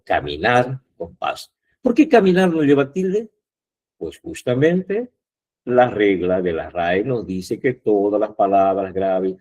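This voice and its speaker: A man's voice: lowish voice, dark tone, husky. A man teaching a university grammar class, explaining patiently, repeating points and checking the students follow. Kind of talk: online class lecture.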